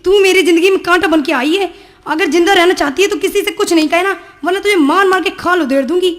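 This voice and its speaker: A woman's voice: very high-pitched, fast. A young woman playing a cruel, scheming sister-in-law who snarls threats in a rural film. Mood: vicious. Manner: snarling threats, fake tearful whining. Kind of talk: rural Hindi film acting.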